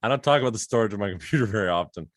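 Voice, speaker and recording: Laughing, lively-pitched man. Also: very fast. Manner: laughs often, swears casually. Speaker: podcast guest. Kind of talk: casual chat.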